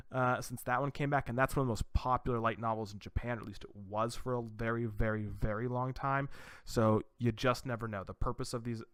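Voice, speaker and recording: A man's voice: medium pitch, clear, resonant tone, no echo. A man hosting a casual podcast chat, rambling enthusiastically with frequent restarts. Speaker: podcast host.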